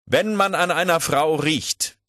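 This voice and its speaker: A man's voice: fairly high pitch, a little slow, bright, forceful tone, no room sound, studio quality, voice pushed up. A man voicing a stubborn, pompous man who lectures his comrades in a raised, insistent, declaiming voice. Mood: lecturing.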